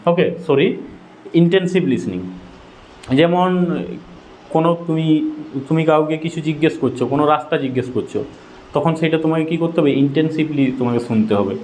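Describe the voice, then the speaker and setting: A teacher with a Bengali accent gives an exam-prep lecture in a fairly high, slightly mellow voice, posing questions and answering them himself and correcting his own slips out loud. There's a little hiss or hum on the recording.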